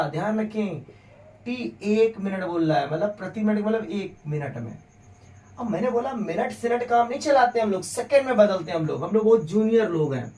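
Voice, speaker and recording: A man's voice: high-pitched, roomy sound, recorded from a distance. A man teaching a physics lesson, solving problems step by step on the board and talking in a teasing, chatty way to his pupils. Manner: joking, teasing, chatty, addresses pupils as "beta".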